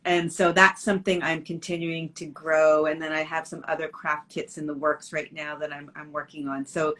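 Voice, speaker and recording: A woman's voice: low voice, flat delivery, moderate pace, a bit bright. A middle-aged woman from Canada, a business owner chatting casually in an interview over a video call, with lots of fillers and restarts.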